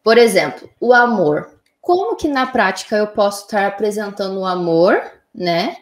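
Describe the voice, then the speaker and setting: A woman, a mother, calmly explaining her views on raising children in casual conversation. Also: mid-range voice, normal speed, echoey room. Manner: calm, explanatory, frequent "né?".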